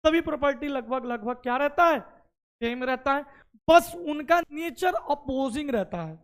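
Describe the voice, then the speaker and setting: A man's voice: extremely high pitch, animated, unhurried. A man teaching chemistry to a classroom of students. He explains step by step and keeps asking the class questions.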